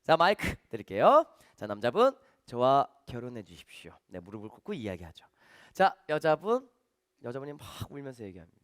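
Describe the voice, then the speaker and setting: A man's voice: medium pitch, fairly quick, no echo, studio quality. A man, a magician giving a stage talk, telling stories animatedly and acting out the dialogue. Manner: animated, acts out dialogue for the audience. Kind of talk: stage lecture storytelling.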